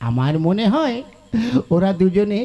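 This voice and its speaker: A man's voice: high-pitched, sing-song, a little slow, muffled recording, heavily acted. A man voicing a mischievous schoolboy in a folk puppet show, who schemes and fakes sing-song sobbing. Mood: whining tattling. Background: tabla and folk music.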